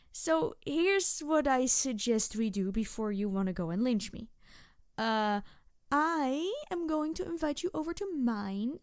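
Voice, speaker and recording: A woman plays a young tanuki spirit, playful and excitable, rambling and tripping over her words as she addresses the listener in this roleplay audio. It's a high-pitched voice, captured dry in studio quality.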